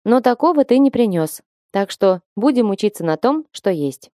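A woman's voice: on the high side, very animated, moderate pace, warm tone, no room sound, studio quality. A woman voicing a slight young swordfighting girl who talks in a snappish, mocking way. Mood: impatient.

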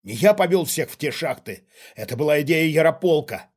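A man voicing a frightened, angry middle-aged father who shouts back in defiance. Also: fairly high pitch, expressive, fairly quick. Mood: defiant.

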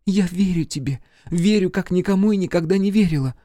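A man voicing an eager young noblewoman in an audiobook, speaking in a breathy whisper. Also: high voice, moderate pace, dark tone, no echo, clean studio sound, pitched above the performer's own voice, close to an everyday voice. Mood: rapturous.

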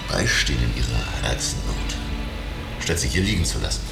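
An actor playing a reflective, learned professor, narrating a German radio drama in a measured, pensive, gravelly voice. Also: male voice, rumbling low, animated, over loud music, full character voice. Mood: earnest. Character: reflective, learned male professor recounting his undersea voyage.

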